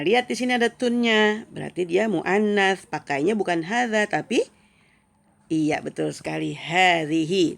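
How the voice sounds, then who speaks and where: A woman from Indonesia teaches a casual lesson at an unhurried pace. Her voice has a gravelly fry, and she sounds out each phrase with care before slipping into quick, chatty remarks. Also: lowish voice. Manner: reads Arabic phrases slowly and clearly, then chats quickly in asides. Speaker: Arabic teacher.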